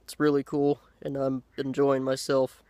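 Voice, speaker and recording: A man in his thirties chatting casually to the camera outdoors, unhurried and halting, with pauses. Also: medium pitch, monotone, darkish tone, no echo. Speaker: pipe-smoking video blogger. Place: outdoors by a lake in woods. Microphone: handheld camera at arm's length.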